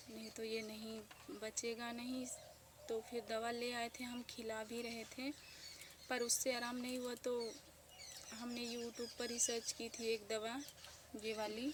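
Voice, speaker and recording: A woman in her thirties speaking softly with grief as she tells a casual village vlog story outdoors. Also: a little high. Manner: grieving, soft-spoken. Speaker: village vlogger. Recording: noisy outdoor village ambience.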